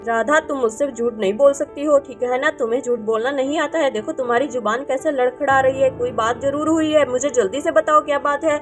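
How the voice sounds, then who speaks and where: A woman voicing a calm village farmer man who mediates family quarrels in a doll video role-play. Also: high voice, a little fast, few pauses, faint music behind, voice pushed down, natural voice. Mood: coaxing. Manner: reasoning, mediating.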